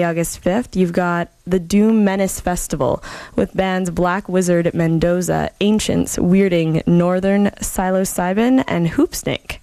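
A woman presents a radio show in a casual, unpolished way. Her voice sits a little low with plenty of vocal fry. She pauses and hesitates often, and the sound is close and dry. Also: a little mellow, no echo. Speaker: radio host filling in on a music show.

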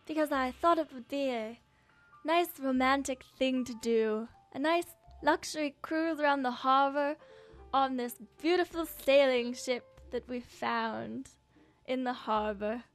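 A woman's voice: high voice, a little slow. A woman playing a detective's eager, romantic female companion, earnest and a little hesitant, in a comic noir radio play. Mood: romantic, pleading. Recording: music playing under the voice.

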